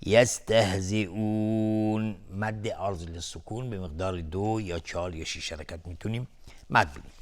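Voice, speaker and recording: A man teaching Quran recitation rules in Persian-style explanation, switching between slow chanted verses and brisk spoken explanation. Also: deep voice, a bit bright.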